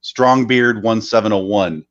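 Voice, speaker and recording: A man's voice: lowish voice, unhurried, highs cut off. A man co-hosting a podcast, chatting casually with jokey, rambling asides. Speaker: podcast co-host.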